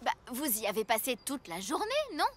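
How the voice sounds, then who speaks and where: A woman's voice: fairly high pitch, very animated, brisk, very noisy. A woman voicing a sensible, reproachful cartoon character in a matter-of-fact, chiding manner. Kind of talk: animated cartoon dub.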